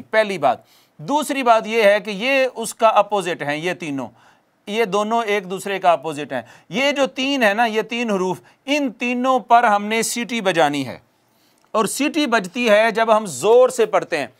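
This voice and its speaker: Man with a high-ish voice teaching on tv, patient, keeps repeating stuff and quizzing you, slows way down to show the sounds. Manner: patient, repeats key points and quizzes the viewer; slows down to demonstrate letter sounds. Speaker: Quran recitation teacher. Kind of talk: televised lesson.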